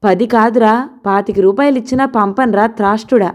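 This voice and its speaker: A woman voicing a fiery, sharp-tongued old grandmother who scolds and curses. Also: mid-range voice, a little fast, close to an everyday voice. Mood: angry scolding. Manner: scolding, sarcastic, heaping curses.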